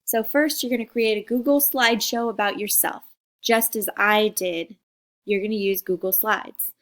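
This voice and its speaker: A woman's voice: mid-range voice, steady tone, moderate pace. A woman in her forties from Costa Rica, a teacher talking students through a class introduction video in a friendly, chatty way. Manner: friendly, chatty, checks in with "okay?".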